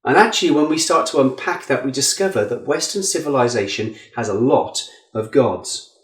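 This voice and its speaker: A man's voice: lively intonation, moderate pace. Earnest man teaching, echoey room. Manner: earnest, rising in pitch for emphasis. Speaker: preacher. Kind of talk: Bible teaching talk.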